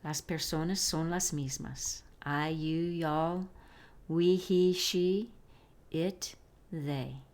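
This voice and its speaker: A woman gives a recorded grammar lesson. She speaks slowly and carefully in a fairly low voice and repeats each example phrase. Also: steady tone, a little mellow. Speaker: English teacher.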